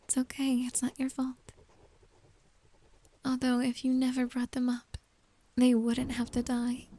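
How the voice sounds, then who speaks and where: Woman acting a creepy, slow, soft-spoken possessive girlfriend. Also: high voice, monotone. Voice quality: soft, breathy, often soft-spoken. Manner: creepy, coaxing and controlling. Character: possessive, manipulative yandere girlfriend, sweetly menacing. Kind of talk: ASMR role-play.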